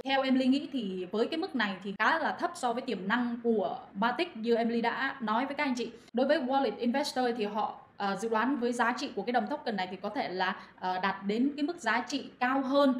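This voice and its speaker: A woman's voice: a little high, fast talker, few pauses. A woman moderating a crypto channel, talking listeners through market reasons with frequent fillers and direct address. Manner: addresses listeners as anh chị, many fillers. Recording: echoey room, faint noise.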